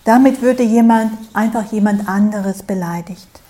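A woman voicing a calm, good-natured female pig in a storybook fable, who speaks in a mild, level-headed way. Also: medium pitch, measured pace, close to an everyday voice.

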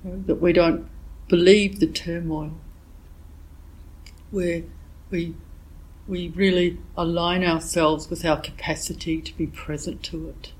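A woman meditation teacher giving a dharma talk while she has a cold, reflective and gently searching for her words. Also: on the low side, level tone, breathy edge, poor audio. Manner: reflective, unhurried, gently searching for words with frequent "yeah" and "you know". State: has a cold, voice a bit thick.

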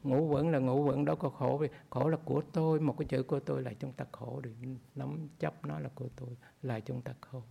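A man, a Buddhist monk, giving a dharma talk and telling a teaching story slowly, acting out the voices of its figures. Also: mid-range voice, fairly even intonation, creaky, warm tone, slightly rough. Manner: slow storytelling with quoted dialogue.

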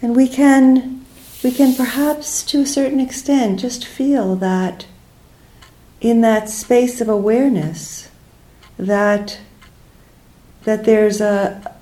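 Speaking gently and without hurry, a woman leads a guided meditation as its teacher. She uses short phrases with pauses between them in a mid-range voice, and the audio quality is poor.

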